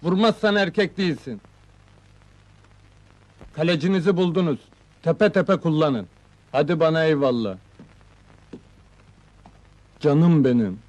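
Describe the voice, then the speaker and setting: An actor playing a cocky, street-smart young watermelon seller in a comedy film, talking brashly and defiantly. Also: male voice, fairly high pitch, unhurried, long pauses, darkish tone, lightly acted. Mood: swaggering. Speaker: watermelon seller posing as goalkeeper. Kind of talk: 1970s comedy film dialogue.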